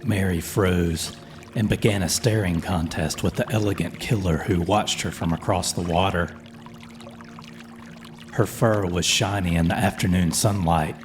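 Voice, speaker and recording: A man reading a folklore horror story as a slow, measured, solemn scripted narration. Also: low-pitched, background noise. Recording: music playing under the voice.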